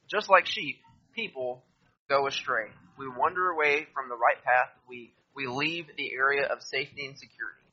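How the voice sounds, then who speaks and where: A man delivers a sermon with a bright, forward voice and a husky edge to it. He reads scripture aloud and explains it, asking listeners to turn to the verses with him. The recording sounds a little dull and lo-fi. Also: medium pitch. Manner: addresses listeners directly, asks them to turn to verses. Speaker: preacher.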